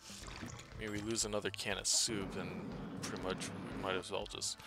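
A tired man giving casual, rambling gameplay commentary in a flat, monotone voice full of fillers. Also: lowish voice, moderate pace, vocal fry, music in the background. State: tired after a day's work.

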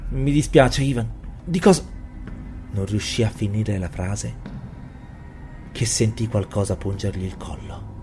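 A man narrating a horror story in a dramatic, expressive way. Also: lowish voice. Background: faint music.

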